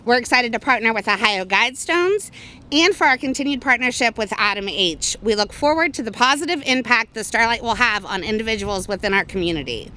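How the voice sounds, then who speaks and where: A woman's voice: on the high side, expressive, brisk, sharp tone. A woman, a communications officer, giving an upbeat, formal ceremony speech.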